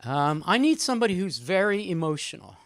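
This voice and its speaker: At a live gathering in an indoor room, a host leads a group discussion with a medium-pitched, sing-song voice at a slightly fast pace. They chat and tease, call on people by name, and read a bit of poetry as they moderate informally.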